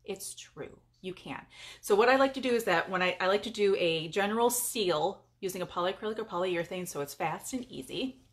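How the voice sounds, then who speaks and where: Middle-aged woman from California, casual live-stream host talking from her garage, upbeat and chatty, mid-pitched voice. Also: fast talker. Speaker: furniture painter and paint business owner. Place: home garage.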